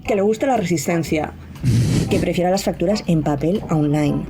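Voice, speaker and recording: A woman with a Spanish accent from Spain, speaking with new braces that slightly impede her, delivering a deadpan, sardonic scripted comedy monologue. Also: fairly low pitch, moderate pace, over music. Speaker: guest contributor to a podcast.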